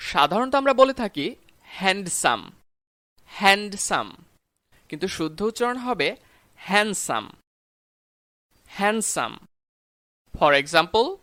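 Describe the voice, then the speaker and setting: Slow, deliberate teacher. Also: mid-range voice, fairly bright tone, no echo, studio quality. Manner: slow, carefully spelled-out example words. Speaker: English teacher. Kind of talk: pronunciation lesson.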